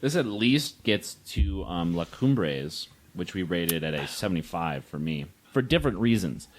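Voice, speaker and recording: A man's voice: low-pitched, very animated, measured pace, slight background noise. A man co-hosting a casual beer-tasting podcast, joking wryly and swearing offhandedly. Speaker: podcast co-host.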